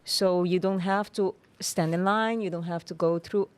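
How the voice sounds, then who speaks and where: Woman, Aruban accent, lowish pitch, formal, hesitant phrasing, explanatory interview style. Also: fairly even intonation, moderate pace, smooth, no echo. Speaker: tourism authority official, interview guest.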